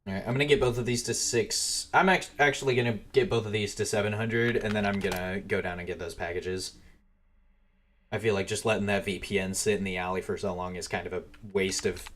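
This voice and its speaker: A man's voice: fairly low pitch, steady tone, fairly quick, fairly bright tone, slight background noise. A young man rambling and swearing as he comments on his own gameplay, muttering to himself between remarks, with keyboard typing behind him. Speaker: gaming streamer.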